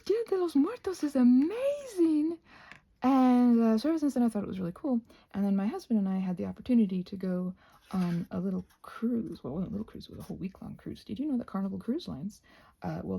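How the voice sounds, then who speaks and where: This craft and ASMR vlogger, a North American woman, talks casually as she crafts, thinking out loud in a playful, scatterbrained way and frequently drifting into murmurs. Her mid-range voice sounds creaky, mellow and husky.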